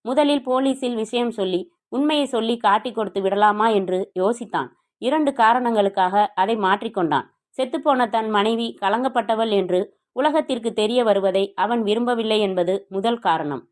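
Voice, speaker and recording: A woman's voice: fairly high pitch, normal speed. A woman narrating a crime novel and reading every character's dialogue with emotion.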